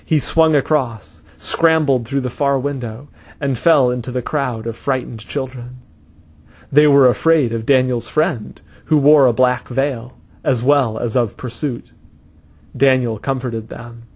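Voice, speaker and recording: A man narrating a story in a measured, steady reading. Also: medium pitch.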